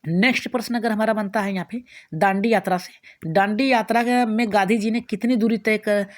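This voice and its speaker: A woman teacher with a Bihari Hindi accent, running an exam-prep lesson as rapid question-and-answer drills, often restarting her words. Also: mid-range voice, fairly even intonation.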